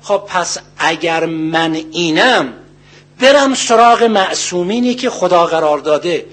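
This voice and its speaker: An older man giving a religious sermon, earnest and full of rhetorical questions, slowly reciting Arabic verses. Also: high voice, animated, a bit bright. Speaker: cleric.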